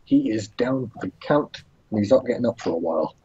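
A man narrating as game master in a relaxed way, thinking aloud with fillers. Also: on the low side, brisk, slightly rough, dry recording. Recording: dull lo-fi recording.

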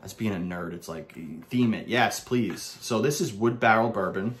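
A man's voice: on the low side, normal speed, a little hiss or hum. Rambling Brooklyn-accented man reviewing soap. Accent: Brooklyn New York. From New York. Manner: rambling, many restarts and fillers. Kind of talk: casual product review.

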